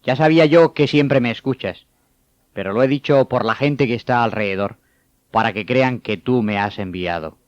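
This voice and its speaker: A man playing Jesus, a calm, authoritative teacher who speaks in a solemn, measured way. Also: medium pitch, dry recording, lightly acted. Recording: dull, dry studio sound.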